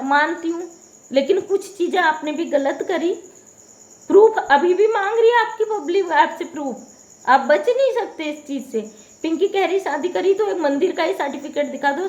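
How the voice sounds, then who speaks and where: A woman talking softly but indignantly in a late-night home vlog, confronting her critics. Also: high-pitched. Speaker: vlogger. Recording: echoey room, dull lo-fi sound.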